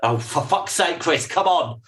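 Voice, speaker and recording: A man's voice: fairly high pitch, animated, a little slow, fairly bright tone, low-quality recording. A man co-hosting a podcast in casual chat, teasing his co-host and running the scoring. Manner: teasing, bantering, runs the scoring.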